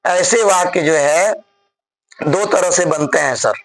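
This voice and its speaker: A male grammar teacher with a high voice. He talks at a slow, deliberate pace, spelling words out letter by letter and teasing his students. The recording is dry and close. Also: dry recording, low-quality recording. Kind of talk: classroom grammar lesson.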